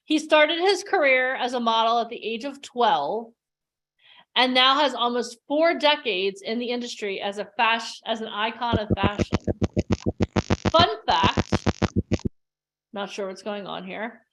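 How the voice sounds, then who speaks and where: A woman's voice: fairly high pitch, moderate pace, fairly bright tone. A woman hosting a livestreamed workshop over a video call, upbeat, chatty and playful. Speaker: host.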